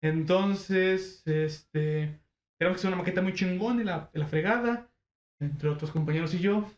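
A young man with a Mexican Spanish accent telling a school story in casual chat, joking and animated, with lots of slang. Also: high voice, moderate pace. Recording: echoey room, faint background hum.

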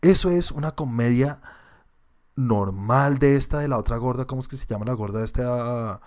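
With a Colombian accent and a medium-pitched voice at normal speed, he co-hosts a laid-back podcast conversation about shows and films. Expect swearing, laughter, rambling and plenty of animation.

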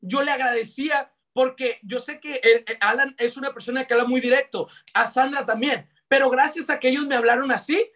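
A high-pitched man with a Mexican accent gives a blunt, slangy motivational talk and hammers his points through repetition. His voice sounds distant from the mic, as if recorded from across the room. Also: a little fast, few pauses, bright, forceful tone. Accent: Mexican Spanish. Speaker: network marketing motivational speaker.

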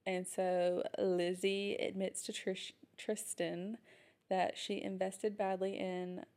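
A woman co-hosting a podcast, recapping episodes in casual chat with steady fillers. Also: mid-range voice, takes it slowly. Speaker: podcast co-host.

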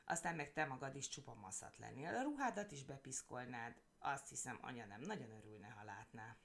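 A woman voicing a kindly old man who gently warns a little boy. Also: rumbling low, lively intonation, gravelly, full character voice. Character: kindly old uncle storyteller, gently warning.

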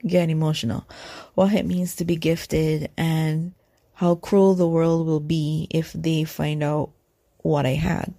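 Barbadian woman, podcast host, mellow low voice, gravelly edge, unscripted reflective monologue, close dry mic. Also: little pitch movement, unhurried, dry recording. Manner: reflective, candid, repeats words while thinking.

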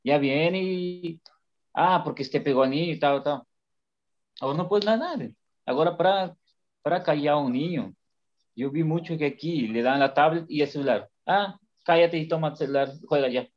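A man in casual conversation, agreeing often and speaking in a measured, halting way. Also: on the high side. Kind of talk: casual chat. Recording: dull lo-fi sound.

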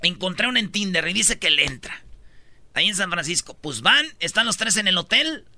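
Male radio host, high and piercingly bright, slangy comic storyteller, bone-dry studio mic. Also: very animated, dry recording. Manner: rapid slangy storytelling, acting out quotes.

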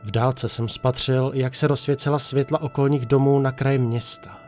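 A man calmly narrating a first-person horror story in a measured, scripted way. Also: mid-range voice. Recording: narration over faint music.

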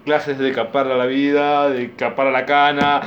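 A young man with a Rioplatense Spanish accent co-hosting a casual podcast, speaking quietly in a low-key, dry way. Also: level tone, moderate pace, highs cut off, slight background noise. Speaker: podcast co-host. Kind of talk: casual chat.

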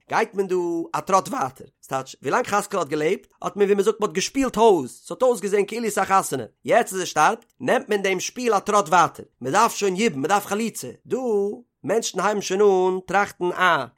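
A man's voice: high voice, fairly bright tone. A man giving a Talmud study lesson, explaining each case step by step with made-up examples. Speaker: Talmud teacher.

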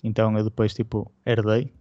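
A man's voice: lowish voice, monotone, brisk, no room sound. Man, European Portuguese accent, casual slangy chat, close dry room sound, slightly dull recording. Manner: colloquial, slangy. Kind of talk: casual chat about retro gaming.

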